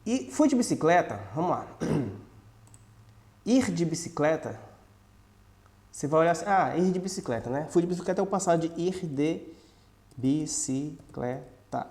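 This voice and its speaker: Brazilian guy teaching english, patient, repeats the example sentences slow. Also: fairly high pitch, very animated, darkish tone. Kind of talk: explaining a language lesson.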